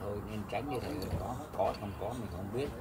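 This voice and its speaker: Man, rapid, fussy casual talk, noisy background. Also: on the low side. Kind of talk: casual chat.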